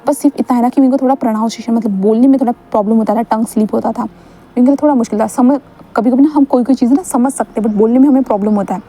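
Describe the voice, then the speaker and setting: A woman narrates a fan-fiction story in a chatty way and turns to speak directly to her listeners. Her voice is slightly high and husky with a dark, mellow tone, and she talks fast.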